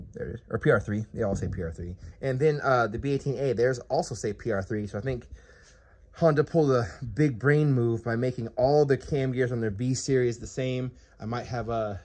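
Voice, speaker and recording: A car hobbyist vlogger films himself on a handheld phone camera while working on an engine in his home garage. His mid-range voice is darkish and slightly rough. He chats casually about the build, tossing in jokey, self-mocking asides.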